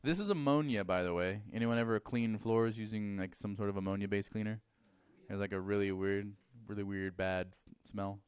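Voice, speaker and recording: A lively, joking man teaching chemistry. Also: lowish voice, a little fast, smooth. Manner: lively, joking with students, counts aloud while drawing. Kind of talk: classroom lecture. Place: classroom.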